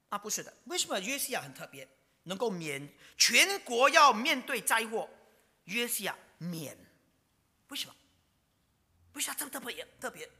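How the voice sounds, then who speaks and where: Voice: mid-range voice, pushed and bright. A preacher gives a dramatic sermon, full of rhetorical questions and sudden whispers. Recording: long reverb of a large hall.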